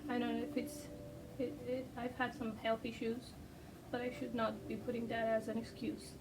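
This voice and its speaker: A woman who speaks English as a second language, rambling hesitantly with many pauses as she sketches. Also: fairly high pitch, completely flat delivery, noisy background. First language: not English. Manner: hesitant, many ums, self-deprecating. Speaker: artist sketching on camera. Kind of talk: casual rambling vlog while drawing. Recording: distant mic with background music.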